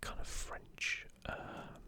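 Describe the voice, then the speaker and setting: An ASMR host whispers softly in a breathy, unvoiced voice. The commentary is hushed, unhurried, and full of rambling asides.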